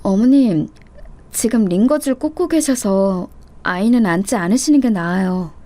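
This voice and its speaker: A woman's voice: mid-range voice, expressive, normal speed, dark tone, close to an everyday voice. A woman voicing a young daughter-in-law who speaks in a tired, restrained and deferential way. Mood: cautious. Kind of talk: dramatized story reading.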